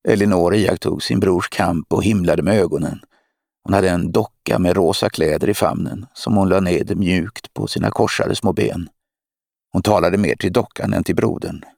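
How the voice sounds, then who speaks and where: A man reading an audiobook in a measured, steady narration. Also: low-pitched, vocal fry, dry recording, studio quality. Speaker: audiobook reader. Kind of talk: scripted narration.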